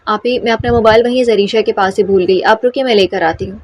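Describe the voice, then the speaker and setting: A woman's voice: mid-range voice, close to an everyday voice. A woman voicing a feisty, protective young woman in an audiobook. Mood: friendly.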